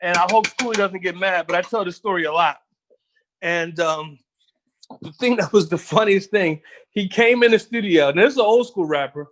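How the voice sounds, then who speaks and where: A man's voice: high voice, normal speed. A middle-aged man from Philadelphia, a guest rapper, telling stories in a casual interview with laughter and frequent swearing. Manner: animated, laughing storyteller who swears freely. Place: home kitchen while cooking.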